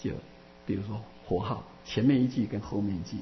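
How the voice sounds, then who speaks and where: A man gives a Buddhist Dharma talk in a gravelly, fry-tinged voice, often stopping to restart his sentences and stretching out his fillers. His voice carries a long hall reverb. The recording is dull and muffled, with a faint hum underneath. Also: lowish voice. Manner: halting, many restarts and drawn-out fillers. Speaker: Buddhist teacher answering questions.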